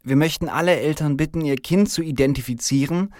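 An officious policewoman trying to calm a crowd, voiced by a man reading a story. His pitch goes far up for her, and the delivery is formal. Dry, close recording. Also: a little fast, no room sound, lightly acted. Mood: official. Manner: official, placating.

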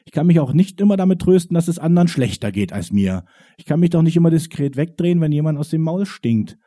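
A man in his forties performs spoken-word poetry in a rhythmic, wry, confessional way. His voice sits a little high for a man but sounds very dark and mellow. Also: lively intonation, fast. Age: 40s.

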